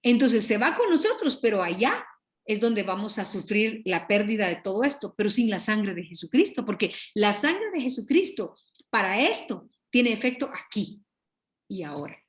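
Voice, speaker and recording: A woman teaching a Bible study over a video call, earnest and animated, often correcting herself mid-sentence. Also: mid-range voice, moderate pace. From Guatemala.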